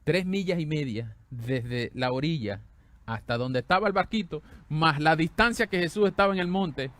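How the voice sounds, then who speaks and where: Pastor guy preaching, kinda high voice, goes loud then real quiet, keeps asking the crowd stuff. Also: normal speed, no room sound. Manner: animated, swings from loud exclamations to hushed tender lines; conversational, asks the congregation questions. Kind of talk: sermon.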